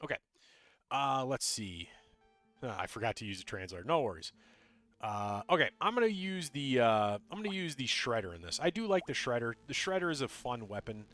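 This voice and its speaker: A male game streamer talks through his run and answers chat, mumbling and rambling with plenty of ums. His pitch swings widely and he sounds animated. Soft game music plays faintly behind him. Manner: tends to mumble and talk fast; rambling, full of ums and uhs. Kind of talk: casual gameplay commentary, chatting with viewers.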